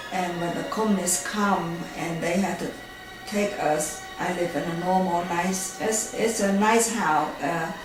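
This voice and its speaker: Soft-spoken older Cambodian woman, very slow. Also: on the low side. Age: 60s. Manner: halting, plain, with frequent pauses. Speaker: interviewee. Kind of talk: personal life story interview. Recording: echoey room, from far off, music behind.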